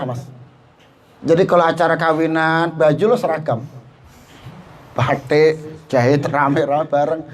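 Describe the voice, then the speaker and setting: A man preaching, addressing the men in the audience directly. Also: fairly high pitch. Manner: jokey, addresses listeners directly, mixes in Javanese phrases. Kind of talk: humorous religious talk.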